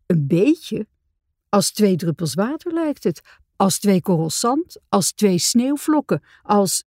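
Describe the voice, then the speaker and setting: Woman narrator doing a flustered storybook father, excitable, animated delivery. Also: mid-range voice, slow, no room sound, studio quality, pitched above the performer's own voice. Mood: excited. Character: bewildered fussy father.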